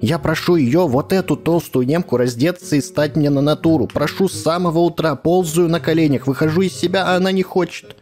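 A man voicing a hot-tempered male painter who shouts and rants in exasperation. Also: mid-range voice, moderate pace, faint music behind, natural voice. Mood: indignant ranting.

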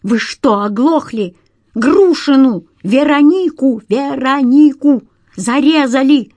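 A woman's voice: a little high, measured pace, darkish tone, no room sound. A woman reading an audiobook and voicing a terrified young man who shrieks and pleads, breathless with panic. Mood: panicked. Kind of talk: audiobook character voice.

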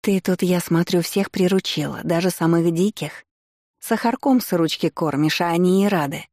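A woman's voice: fairly low pitch, moderate pace, a little mellow, dry recording, studio quality. A woman reading an audiobook, voicing a furious, jealous young aristocratic witch who sneers and accuses. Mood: accusing. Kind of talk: audiobook character voice.

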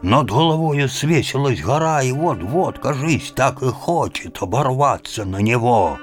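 A man reading a folk tale aloud with theatrical, lively intonation. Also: mid-range voice, unhurried, soft background music. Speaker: narrator. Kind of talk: expressive storytelling reading.

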